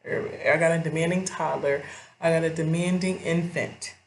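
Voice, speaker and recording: A woman's voice: deep voice, steady tone, moderate pace. A young woman giving casual commentary to her viewers, rambling and swearing freely as she talks straight to them. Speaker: vlogger. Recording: roomy echo.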